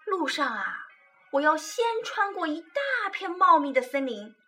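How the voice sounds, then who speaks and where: A loud, cheerful little fox cub from a storybook, high and bright, bragging with excitement, as a woman puts the cub on. The voice leaps up and down with lively energy. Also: measured pace, faint music behind, exaggerated voice. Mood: excited, boastful.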